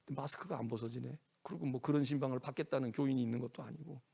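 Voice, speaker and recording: A middle-aged man preaching a sermon in a church, animated, acting out scolding parents in quoted voices. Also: medium pitch, racing, creaky, breathy edge. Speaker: pastor.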